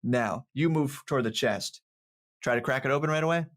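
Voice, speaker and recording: A man's voice: medium pitch, a little fast, a bit bright. A man narrating a tabletop game as game master, describing scenes in a rambling way full of fillers and laughs. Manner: laughs often between descriptions.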